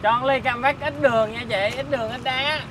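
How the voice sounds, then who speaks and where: A man's voice: very high-pitched, fairly even intonation, a little fast, recorded from a distance, background noise. A man interviewing an elderly woman in casual chat, joking and polite to his elders. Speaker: vlogger interviewing.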